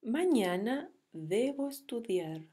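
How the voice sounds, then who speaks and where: Slow, husky-voiced woman teacher. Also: fairly high pitch, very animated, dark tone. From Chile. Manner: praising, encouraging pupils. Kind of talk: slow classroom reading drill.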